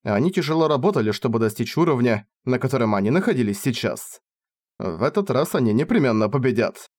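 A man's voice: medium pitch, lively intonation, quick pace, darkish tone, dry recording, studio quality. A man reading a fantasy novel aloud as an audiobook narrator, telling the story expressively.

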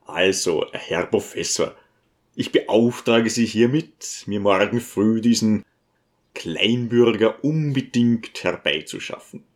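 A man voicing a smooth, scheming male visitor who talks in a coaxing, ingratiating way. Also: on the low side, very animated, measured pace.

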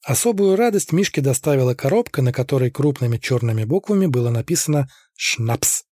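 A man narrating an audiobook in a steady, even way. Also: medium pitch, fast talker, no room sound, studio quality.

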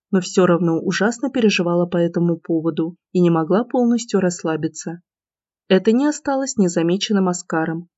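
A woman giving steady, expressive first-person narration of a romance audiobook, in a dull, slightly lo-fi recording. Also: lowish voice, dry recording.

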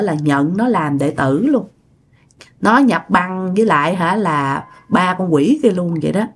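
A woman telling a ghost story in a casual, chatty way, often speaking to her listeners directly. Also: on the low side.

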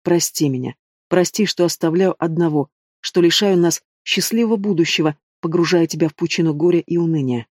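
A man voicing a dying young woman mage in an audiobook, speaking softly and tenderly. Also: on the high side, fairly quick, no room sound, clean studio sound, natural voice. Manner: soft, inward. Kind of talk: audiobook reading.

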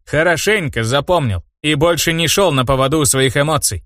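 A man's voice: on the high side, fairly quick, fairly bright tone, no echo, studio quality, close to an everyday voice. A man reading an audiobook and voicing a stern older brother, a mage who scolds and lectures his younger brother. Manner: reproachful, lecturing.

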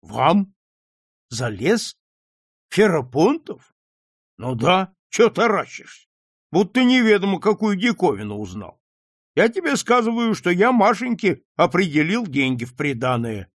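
A man voicing a stern, gruff old male provincial captain scolding his grown son. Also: high voice, very animated, unhurried, dry recording, studio quality, full character voice. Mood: angry. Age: older.

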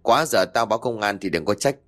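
A man voicing a sharp-tongued middle-aged woman shopkeeper who turns shrill and stammering when frightened. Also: animated, a little fast, natural voice. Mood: scolding.

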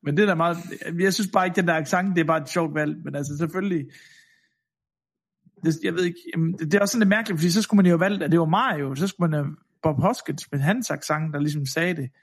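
Danish guy on a movie podcast, kinda high voice, laughs a lot, does silly accents. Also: husky. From Denmark. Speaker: podcast co-host. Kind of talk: casual film chat.

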